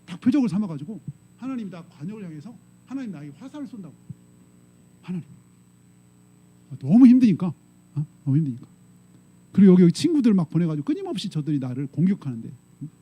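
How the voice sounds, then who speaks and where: A male pastor preaching a sermon in a conversational style, often pausing to prompt the congregation with short questions. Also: high-pitched, very animated, slightly rough, lo-fi sound. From South Korea.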